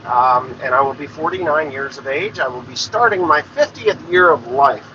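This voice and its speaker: A man's voice: mid-range voice, animated, moderate pace, pushed and bright, muffled recording, a little hiss or hum. A man in his forties, a farmer hosting his own show, talking in a plain-spoken, rambling way and swearing freely from inside a vehicle. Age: 40s. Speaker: farmer and podcast host. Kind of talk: casual rambling monologue.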